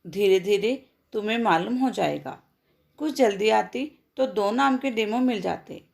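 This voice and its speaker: A woman's voice: medium pitch, expressive, gravelly, darkish tone. A woman reading the part of a young husband who dodges a nosy neighbor with excuses and jokes. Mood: evasive. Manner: hurried excuses, light jokes. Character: flustered young husband, evasive and joking.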